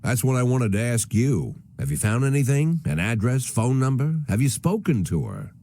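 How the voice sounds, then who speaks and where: An actor voices a bitter, aging police chief narrating a noir game in a world-weary, sardonic, deliberate manner. The older male voice is mid-range, very animated, and dark in tone, with a gruff, impatient mood.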